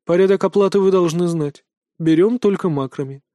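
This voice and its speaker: A man voicing a terse, businesslike male hired killer in an audiobook, speaking flat and brief. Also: high voice, brisk, no echo, lightly acted.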